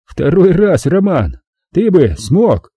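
A man voicing a drunk, anguished army officer who shouts bitterly. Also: on the high side, sing-song, slow pace, breathy edge, no room sound, studio quality, pitched above the performer's own voice, heavily acted. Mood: anguished, drunken.

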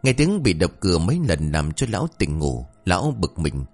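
Lively male folk-tale storyteller. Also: sits low, normal speed, soft background music. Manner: lively, expressive narration. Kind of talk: narrated folk ghost story.

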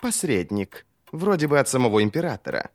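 A cool, dry-spoken woman in an audiobook , read by a man in his own voice. She answers calmly, with an even, mid-pitched delivery. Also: brisk, no echo. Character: cool, sharp-tongued woman adviser.

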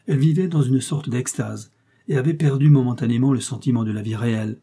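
A man narrating a novel aloud in a calm, measured reading. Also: medium pitch, vocal fry, breathy edge. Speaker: audiobook reader. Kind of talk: scripted narration.

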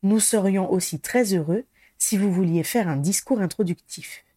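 A woman's voice: mid-range voice, normal speed, mellow, no echo, studio quality, natural voice. A woman reading an eager polite ministry man. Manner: polite and enthusiastic. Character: courteous male ministry official, eager.

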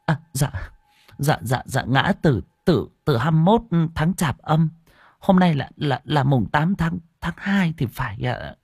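Brief: a man playing a panicked, stammering old grandmother, high and husky, near tears. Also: expressive, moderate pace, long pauses, no room sound, studio quality. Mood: flustered. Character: frightened stammering old village woman.

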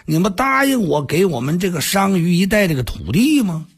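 A flustered male envoy stammers over his words, raised in pitch and pleading anxiously in a storyteller's tale, as a man puts him on. His voice is husky and swings widely in tone. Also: big pitch swings, moderate pace, full character voice.

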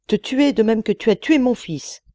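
A woman doing a booming vengeful old genie. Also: expressive, moderate pace, mellow, no room sound, clean studio sound, lightly acted. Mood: menacing. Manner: terrible, booming tone. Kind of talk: audiobook reading.

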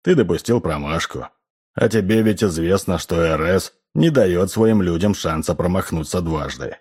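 Man doing embittered male station chief, blunt, low-pitched, audiobook. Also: normal speed, a little mellow, husky. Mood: bitter. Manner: blunt, bitter.

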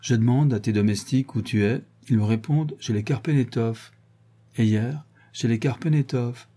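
A man's voice: mid-range voice, moderate pace, warm tone, breathy edge, lightly acted. A man voicing a sarcastic young officer with a wicked tongue in a read-aloud novel. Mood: mocking. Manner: teasing, sarcastic. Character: mocking young officer, sharp-tongued gossip.

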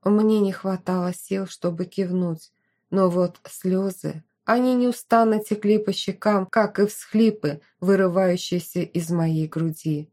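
A woman reading a fantasy novel aloud as narrator, with expressive storytelling. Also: medium pitch, measured pace.

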